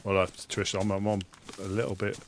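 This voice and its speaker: A man with a Suffolk accent chatting casually on a live game stream, rambling and hesitant, often halting mid-sentence. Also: on the low side, level tone, slight background noise. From Suffolk, England.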